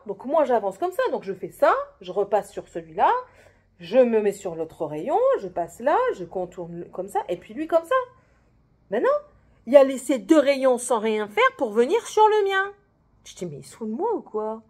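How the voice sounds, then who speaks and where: A young woman with a husky voice, telling a story about her coworker in a casual vlog, full of quoted dialogue. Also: fairly high pitch, normal speed. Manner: animated, retelling a workplace story with quoted dialogue. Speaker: vlogger.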